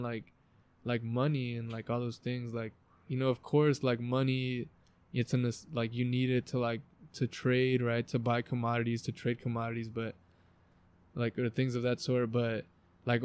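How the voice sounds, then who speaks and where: This backyard podcast host has a medium-pitched, darkish voice that's clear and resonant. Speaking with an American accent, he chats informally and emphatically, swearing a lot in a motivational way.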